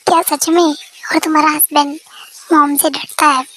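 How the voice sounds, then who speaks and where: A woman's voice: sits high, level tone, moderate pace, a bit bright. Woman voicing a nosy teasing college girl. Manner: curious, teasing. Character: nosy, teasing young female college friend. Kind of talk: amateur fan dub.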